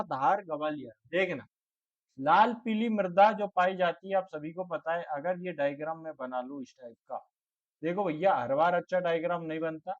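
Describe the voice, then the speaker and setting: High-voiced teacher drilling exam answers. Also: male voice. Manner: joking, scolding asides to students, repeats questions. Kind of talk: online exam-prep lecture. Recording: dull lo-fi audio.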